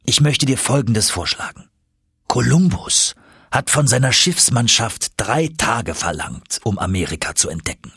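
A man's voice: mid-range voice, expressive, unhurried, fairly bright tone, husky, no room sound, studio quality, exaggerated voice. A man voicing a stern, obsessive old professor on an expedition, commanding and stubborn, in an audiobook reading. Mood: persuasive. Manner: stubborn, commanding, tender at times.

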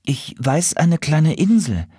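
Man plays a bashful lost songbird, timid and gentle. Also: on the high side, big pitch swings, a little slow, husky, no echo, studio quality, voice pushed up, heavily acted. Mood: shy. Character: shy lonely male colorful bird.

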